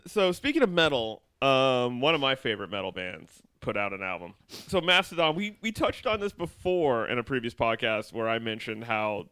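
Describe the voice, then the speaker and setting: Bright, crisp-voiced man chatting casually. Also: mid-range voice, very animated, normal speed, few pauses, dry recording, clean studio sound. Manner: rambling, filler-heavy, laughs often. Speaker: podcast co-host. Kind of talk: casual chat.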